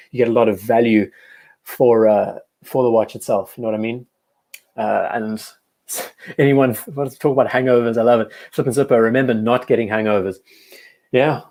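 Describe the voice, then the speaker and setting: A man's voice: medium pitch, warm tone. Chatty young man hosting a livestream. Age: 20s. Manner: chatty, reads live chat aloud, self-correcting. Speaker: host. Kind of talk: casual livestream chat.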